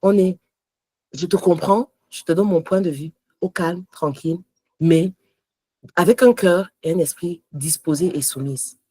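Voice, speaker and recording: Woman, devotional teacher, passionate, mixes French and English, husky, lowish voice. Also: unhurried, mellow, dry recording.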